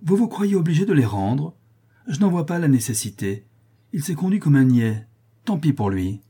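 A brisk, mocking older society lady who has little patience for anyone, as a male audiobook reader puts her on, pitched well above his usual voice. The tone stays dark and mellow, with a husky grain. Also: sing-song, full character voice. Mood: impatient. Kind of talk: audiobook character voice.

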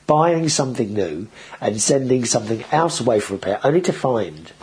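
A man's voice: mid-range voice, a little mellow, poor audio. A man hosting a casual video show, talking in a chatty, rambling way with frequent restarts. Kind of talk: casual vlog monologue.

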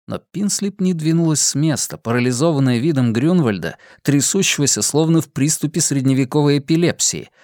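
A man giving a measured, expressive audiobook reading of a science-fiction story. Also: on the high side, no room sound, studio quality. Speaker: audiobook narrator. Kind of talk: dramatic audiobook narration.

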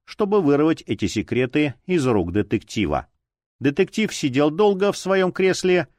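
In a dry, clean studio recording, a male audiobook narrator with a medium-pitched voice reads a detective story aloud. His scripted narration is measured and expressive.

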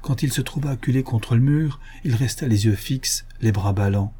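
A man narrating a classic novel in a measured, expressive first-person reading. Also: mid-range voice, husky. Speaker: audiobook narrator. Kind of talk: literary audiobook narration.

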